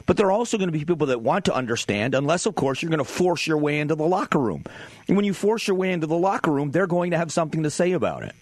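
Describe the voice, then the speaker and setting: Speaking fast and with animation, this fairly high-pitched man in his forties hosts talk radio from a studio, pressing his opinions firmly and emphatically yet conversationally. He hails from Southwest Florida, USA, and the studio mic picks up no echo.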